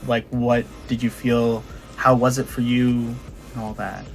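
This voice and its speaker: A young man asking interview questions in a relaxed, informal way. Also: medium pitch, measured pace, creaky, faint music behind.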